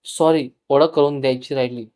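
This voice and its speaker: A man's voice: mid-range voice, fairly even intonation, moderate pace, warm tone, no room sound, clean studio sound, natural voice. A man voicing a cheerful, talkative young woman neighbor who speaks in a playful, teasing way.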